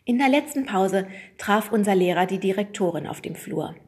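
A woman reading a children's storybook aloud, narrating lively and putting on voices for the characters. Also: medium pitch, moderate pace. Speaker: audiobook reader.

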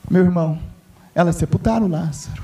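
A male pastor preaching a sermon in a church, emphatic and repetitive, building up to shouts. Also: high-pitched, a little fast. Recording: distant mic with faint music.

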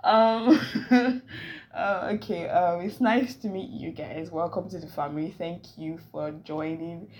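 A woman's voice: on the low side, fairly even intonation, a little slow, a little mellow. A young woman hosting her own podcast, rambling casually and playfully dramatic. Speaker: podcast host. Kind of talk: casual solo podcast chat.

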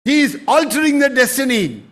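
A man's voice: very high voice, very animated, brisk, a bit bright. A man preaching a sermon as pastor, emphatic and rising into exclamations.

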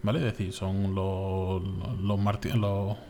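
Spanish guy rambling on a podcast, says tio a lot, fairly low voice. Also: slow. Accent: Spain Spanish. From Spain. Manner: animated, many fillers and repeated "tío". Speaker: podcast co-host. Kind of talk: casual podcast chat.

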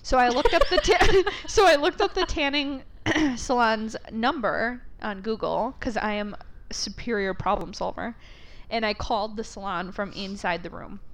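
A young woman telling a story in casual chat, animated, laughing often and swearing freely. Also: a little high, moderate pace.

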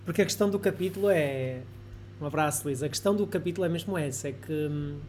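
A man's voice: a little high, fast, darkish tone, a little hiss or hum. A man with a European Portuguese accent, a guest professor, talks through ideas thoughtfully and hesitantly, often restarting his sentences. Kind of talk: casual discussion.

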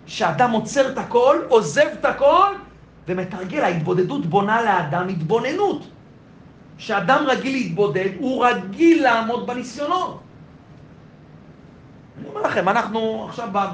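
A man, a rabbi, giving an emphatic sermon and repeating phrases. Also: very high-pitched. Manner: emphatic, repeats phrases, acts out dialogue in soft voice. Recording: echoey room with faint noise.

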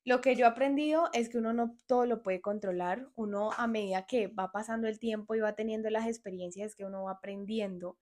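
A woman's voice: fairly high pitch, fairly even intonation, brisk, few pauses, darkish tone. A woman in her twenties hosting a solo podcast, talking frankly and earnestly as she gives listeners advice. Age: 20s. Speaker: podcast host.

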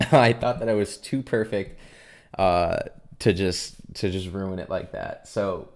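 Young male co-host, lower register, halting anecdotal chat with a teasing edge. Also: a little mellow. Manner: rambling anecdotes, halting restarts, mocking. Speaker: podcast co-host. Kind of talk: casual storytelling chat.

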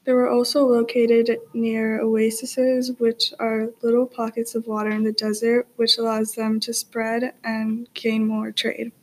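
A teenage girl gives a prepared classroom answer as a student. Her voice is fairly high and stays on an even, flat line. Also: unhurried, hardly any pauses, rough recording. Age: teenager, ninth grader.

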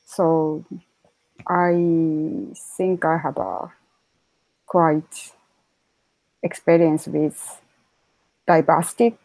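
A woman's voice: sits low, steady tone, very slow, long pauses, a little mellow, no room sound, low-quality recording. A woman with a Japanese accent, a podcast guest talking carefully and searching for words over a video call. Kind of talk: casual podcast chat.

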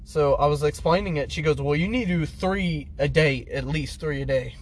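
Young guy, casual animated storyteller, cusses a lot, faint noise behind. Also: a little high, normal speed. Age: young adult. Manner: animated storytelling, swears freely. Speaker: friend in conversation. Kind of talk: casual chat.

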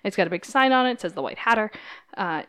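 A woman's voice: medium pitch, lively intonation, fast talker, pushed and bright. A woman narrating as game master, casual and giggly.

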